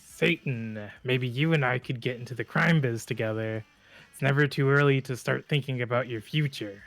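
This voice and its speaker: A smug, scheming demon voice, put on by a man while playing a game, growled with as much vocal fry as he can manage. The voice sits at a middling pitch and sounds like a friendly devil tempting someone into crime. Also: moderate pace, a bit bright, soft background music. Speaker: gaming streamer. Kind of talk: voicing a character in a game playthrough.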